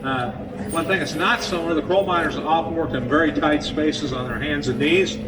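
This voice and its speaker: A man guiding visitors through an underground mine, his voice played over the tour train's loudspeakers, explaining plainly and patiently with a few filler words. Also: a little fast. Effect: voice played over a train car's loudspeakers. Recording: distant, noisy speaker sound with vehicle rumble.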